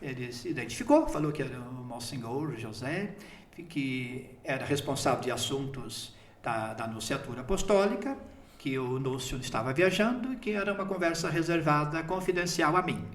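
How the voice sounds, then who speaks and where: A man's voice: medium pitch, expressive, normal speed, roomy sound, slight background noise. A man in his fifties, a priest, telling a personal story in a chatty interview manner. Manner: chatty storytelling, often breaking into laughter. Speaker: priest named bishop.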